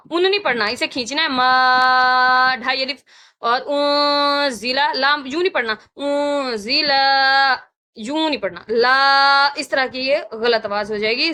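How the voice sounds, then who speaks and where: A woman teaching a Quran recitation lesson, slowly demonstrating and repeating sounds and correcting common mistakes. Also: high-pitched, pushed and bright. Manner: slow, deliberate demonstration of sounds, repeating syllables.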